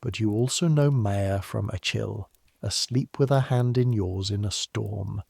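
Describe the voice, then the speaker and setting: Low gravelly man narrating calmly. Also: no room sound, clean studio sound. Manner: measured, unhurried, softly grave. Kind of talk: calm second-person history narration for sleep.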